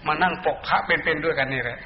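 A male Buddhist monk teaching meditation in a slightly high voice, talking bluntly and plainly, now and then chanting Pali lines. He is recorded in a big hall that rings with long reverb. The sound is muffled, with a faint hiss under it. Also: quick pace. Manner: blunt, colloquial, scolding at times. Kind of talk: meditation dharma talk. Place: hall with monks and laypeople.

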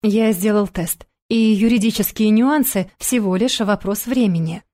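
A woman's voice: medium pitch, measured pace, mellow, lightly acted. Stern father, read by a woman. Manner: curt, growling. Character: stern protective father, a grown man.

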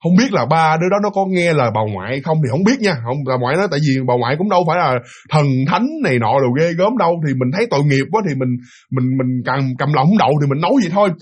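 A Southern Vietnamese man narrates a ghost story, animated and emphatic, throwing questions at his listeners. His voice sits a little high and swings widely in pitch. The tone is husky. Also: fast talker.

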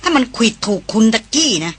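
A woman's voice: fast, natural voice. A woman voicing a tough, hot-tempered male jungle guide who talks in clipped, scolding commands in an audiobook.

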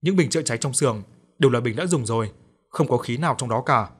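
A man's voice: mid-range voice, lively intonation, fast, slightly rough. A man playing a curt, businesslike policeman.

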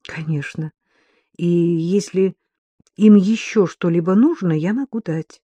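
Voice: mid-range voice, takes it slowly, no room sound. A reader doing an anxious older woman. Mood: calm. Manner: anxious, hushed. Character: nervous, hospitable older woman living alone. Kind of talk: audiobook character reading.

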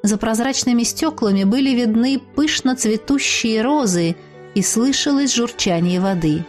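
A woman reads a first-person audiobook in a fairly high voice, expressive and lively. She stretches key words into deliberate pauses for drama, keeping an even, storytelling rhythm. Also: soft background music. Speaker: audiobook narrator. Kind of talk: scripted first-person narration.

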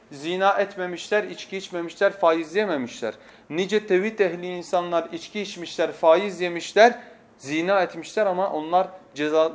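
A man preaching from a pulpit microphone, teaching with passion and moving from hushed tones to emphatic oaths, with quick scriptural recitation. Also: sits high. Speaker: preacher teaching a lesson series. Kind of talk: sermon lecture.

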